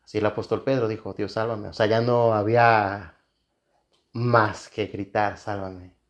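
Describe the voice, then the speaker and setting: A man's voice: on the low side, little pitch movement, unhurried. Earnest man preaching a sermon. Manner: earnest, repeats phrases for emphasis. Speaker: pastor.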